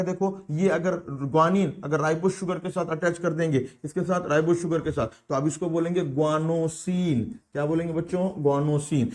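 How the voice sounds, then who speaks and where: A male biology teacher, his voice sitting a little higher than most men's. He lectures a class, asking questions and repeating each key term for the students to catch. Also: a little mellow.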